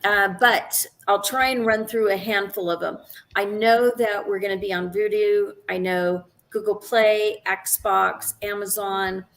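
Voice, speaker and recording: A woman's voice: mid-range voice, steady tone, a little slow, creaky, soft background music. Chatty woman in her sixties. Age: 60s. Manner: chatty, frequent ums and restarts, laughs easily. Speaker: interview guest, actress and director. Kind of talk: casual interview chat.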